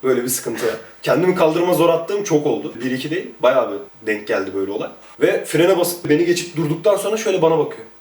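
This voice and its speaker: A man, a former police officer, telling casual stories about his time on duty in a lively, chatty way. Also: on the high side, fast, few pauses, roomy sound, distant mic, slight background noise. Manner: lively, chatty, jumps between anecdotes. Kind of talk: casual anecdotal storytelling.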